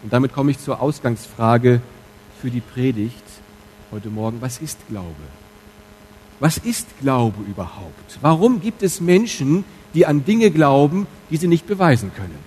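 Male pastor giving a sermon in church, mid-range voice, goes hushed then punchy, talks straight to the congregation. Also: mid-range voice, very animated, a little slow, a little hiss or hum, poor audio. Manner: swings between soft, intimate asides and loud emphatic stresses; talks directly to the congregation in a personal, candid way. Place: church, preaching from the pulpit.

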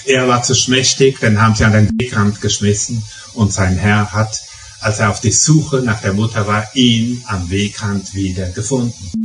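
A man's voice: on the low side, normal speed. Palatinate guy preaching, tells stories and repeats himself for punch, echoey room, mic a bit far off. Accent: Palatinate German. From Palatinate, Germany. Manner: storytelling, emphatic repetitions. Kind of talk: sermon. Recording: echoey hall, distant mic, faint music.

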